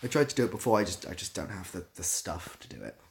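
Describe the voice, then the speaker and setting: Low and creaky, his voice swings widely in pitch at a quick pace, with slight background noise. He's hosting a casual livestream as an ASMR creator and theatre assistant producer, responding to comments in a loose, rambling way as he hunts for words.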